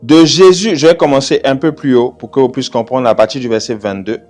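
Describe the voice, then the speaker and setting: A man preaching a sermon, repeating key phrases with emphasis and swinging between loud declarations and quiet asides. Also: steady tone, a little fast, faint music behind. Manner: emphatic, repeats phrases, swells loud then drops low. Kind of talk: sermon with prayer.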